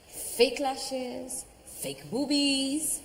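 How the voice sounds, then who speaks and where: A woman's voice: sits high, drawn-out words, vocal fry, big-room sound, a little hiss or hum, rough recording. A woman hosting a television reunion panel, teasing and laughing often with her guests. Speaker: reunion show host.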